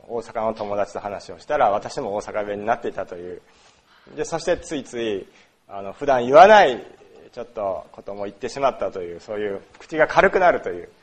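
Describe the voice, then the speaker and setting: A man from Osaka gives a sermon, his pitch rising and falling a lot as he speaks. He talks in a loose, conversational way, full of small fillers, and often asks the congregation questions. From Osaka, Japan. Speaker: pastor. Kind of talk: sermon on worship.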